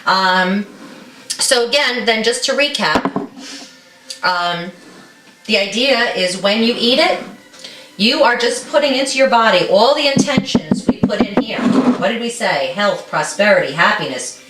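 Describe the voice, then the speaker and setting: A woman's voice: medium pitch, animated, measured pace, a bit bright, far from the mic, a little hiss or hum. Woman, chatty co-host, encouraging, home kitchen, echoey room, mic set back. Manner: chatty, encouraging, keeps checking in with "okay?". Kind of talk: casual cooking demonstration.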